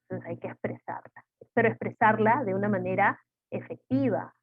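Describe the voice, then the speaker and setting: A woman's voice: medium pitch, normal speed, breathy edge, no room sound. A woman psychologist giving a webinar talk, teaching with strings of rhetorical questions. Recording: tinny phone-like call audio, dry.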